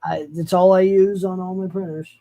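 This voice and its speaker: A man chatting casually, dropping quick joking interjections. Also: high voice, level tone, gravelly, muffled recording. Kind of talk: casual chat.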